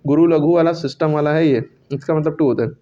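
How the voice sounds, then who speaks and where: Male teacher, slightly high voice, classroom lesson, counts aloud and self-corrects; dull lo-fi recording. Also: steady tone, fast, dark tone. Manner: counts syllables aloud, checks and corrects himself. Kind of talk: classroom lesson on Hindi verse meter.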